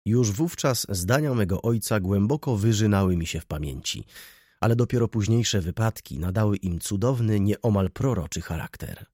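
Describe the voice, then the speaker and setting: A man narrates a classic novel in a measured, expressive reading. His voice is low and husky, with lively pitch movement, in a dry, close recording. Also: dry recording. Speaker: audiobook reader. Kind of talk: scripted narration.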